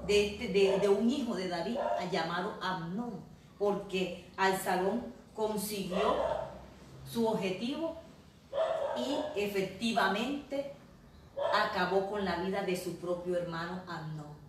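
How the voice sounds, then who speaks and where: Woman pastor, earnest sermon delivery, mid-pitched voice, faint background noise. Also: distant mic. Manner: slow, earnest preaching, addressing listeners directly. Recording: very echoey room, voice from off mic, faint noise.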